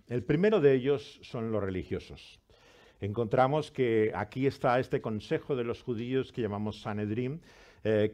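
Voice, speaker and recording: Low-voiced man reading scripture, preaching. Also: a little mellow. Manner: reads scripture with dramatic rises and falls, then preaches earnestly.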